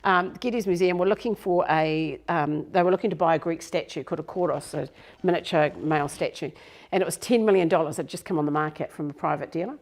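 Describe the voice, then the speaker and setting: A woman's voice: sits low, fast, few pauses, darkish tone. A middle-aged woman, a business coach giving a live workshop talk to a group in a room, chatty and self-deprecating.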